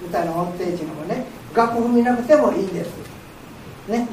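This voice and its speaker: A woman's voice: medium pitch, fairly quick, a little mellow. An older woman gives an informal talk to a group, explaining patiently in short phrases. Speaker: guest speaker who is blind, answering questions. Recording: very echoey room, distant mic, faint noise.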